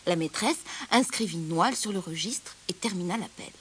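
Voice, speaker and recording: Expressive woman reading a children's story. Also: fairly low pitch, moderate pace, husky. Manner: expressive, dramatic narration.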